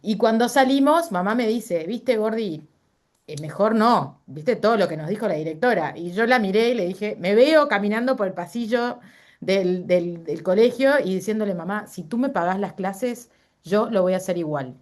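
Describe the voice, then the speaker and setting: A middle-aged woman with a Uruguayan Spanish accent talks in an expressive, medium-pitched voice at a moderate pace. She's a guest in a casual interview, sharing personal stories full of fillers and self-corrections.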